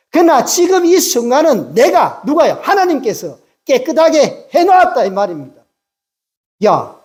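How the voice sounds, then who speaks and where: A man's voice: extremely high pitch, a little mellow. A male pastor preaching a sermon, acting out quoted lines and teasing the congregation, with English phrases slipped in.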